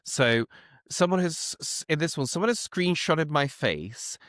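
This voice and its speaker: A man's voice: fairly high pitch, lively intonation, a little slow, a bit bright, dry recording, clean studio sound. A man hosting a casual podcast chat, talking in an informal, self-deprecating, unbothered way. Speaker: host and media commentator.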